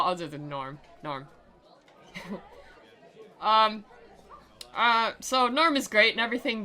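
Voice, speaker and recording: A woman with a fairly low, sharp-toned voice plays a video game while reading it aloud in a theatrical manner. Her commentary is sarcastic and mocking, punctuated by giggles.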